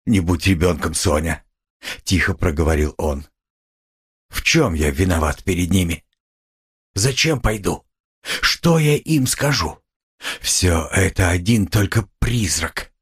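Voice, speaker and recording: A man's voice: deep voice, sing-song, slow pace, long pauses, husky, voice pushed down, heavily acted. A man voicing a tormented, bitter young man who speaks in a brooding, irritable confession in an audiobook. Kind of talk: audiobook character reading.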